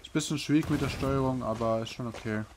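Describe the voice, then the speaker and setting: A man's voice: mid-range voice, quick pace, background noise. A man giving casual gameplay commentary, thinking aloud in an easygoing way as he plays. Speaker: gamer, let's player. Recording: game sounds clearly behind the voice. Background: video game effects and ambience.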